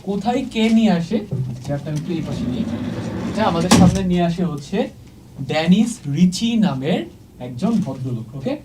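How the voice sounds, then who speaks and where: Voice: mid-range voice, animated, quick pace, recorded from a distance, noisy background. Teacher checking in with okay at every step. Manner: mixes English words into speech. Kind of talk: exam-prep lecture at a board.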